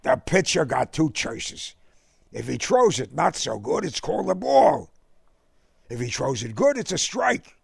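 A man reading a brash ballpark regular in a storybook, talking blunt and impatient. The voice jumps up high and rough, husky at the edges. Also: very animated, measured pace, dry recording, exaggerated voice. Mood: explaining, impatient. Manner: loud, blunt, impatient explaining. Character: brash, excitable baseball-loving American man.

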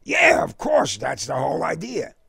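A man reading a brash ballpark regular in a storybook, talking blunt and impatient. The voice jumps up high and rough, husky at the edges. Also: wildly swooping pitch, normal speed, heavily acted. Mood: explaining, impatient. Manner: loud, blunt, impatient explaining. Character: brash, excitable baseball-loving American man.

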